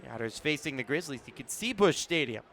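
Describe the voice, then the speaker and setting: An American man with a mid-range voice calls sports play-by-play, staying measured between plays and rising into excited calls.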